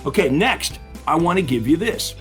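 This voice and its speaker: A middle-aged man coaches real estate agents in an upbeat webinar-style talk, often asking the audience questions, though he's losing his voice. It's fairly high-pitched and a bit bright, with lively intonation and a moderate pace, and faint music plays behind him.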